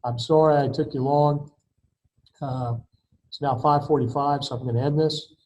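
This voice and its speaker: A man, an adjunct professor, giving a recorded online lecture and filling his pauses with "okay" and "uh". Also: mid-range voice, steady tone, darkish tone. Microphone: video call mic. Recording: dull lo-fi video call audio with faint noise.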